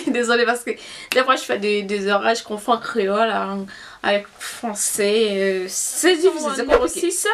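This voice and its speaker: A young Haitian YouTuber, a native Haitian Creole speaker with a Haitian accent, answers questions casually on camera, thinking aloud as she goes. She speaks at a moderate pace in a voice on the high side. A little background noise is audible.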